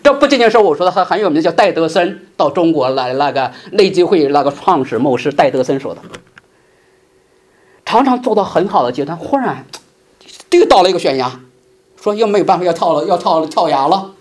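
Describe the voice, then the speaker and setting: A middle-aged male pastor preaching a sermon, swinging between loud emphasis and soft, hushed asides. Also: a little high, lively intonation, brisk.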